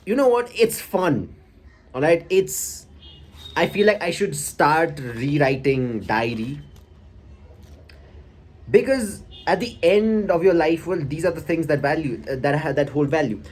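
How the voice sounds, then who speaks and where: Higher-voiced young Indian man, self-conscious diary reading. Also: expressive, measured pace, darkish tone. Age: young adult. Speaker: vlogger. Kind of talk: casual personal storytelling, reading from an old diary. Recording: clearly audible background noise.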